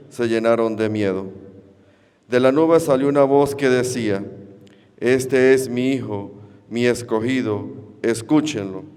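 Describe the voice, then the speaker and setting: A priest reads the Gospel in a lowered, smooth and resonant voice. His pace is slow and measured. A long church reverb trails each phrase. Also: darkish tone. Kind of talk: solemn scripture reading.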